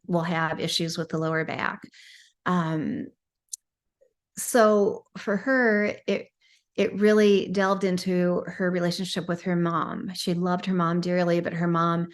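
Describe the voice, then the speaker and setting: A woman with a fairly low voice, speaking as a podcast guest who practises hypnosis. She tells a client's story casually, pausing on ums and restarting her sentences as she goes. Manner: chatty, frequent ums and restarts.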